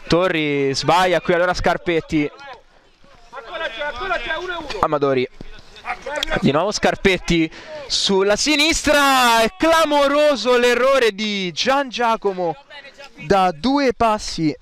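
A man giving excitable futsal highlights commentary as a sports commentator, building into drawn-out cries on goals.

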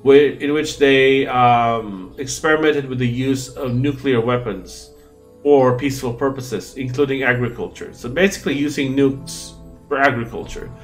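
A man's voice: medium pitch, normal speed, soft background music. A man casually commentating on a fantasy role-playing game as he plays. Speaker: gamer presenting a playthrough. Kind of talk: casual game commentary, reading dialog aloud.

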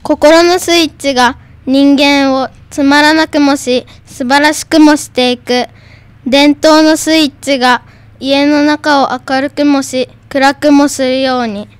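A woman's voice: high-pitched, steady tone, a little slow, dry recording. A young girl, a radio guest, reading a poem aloud with shy care.

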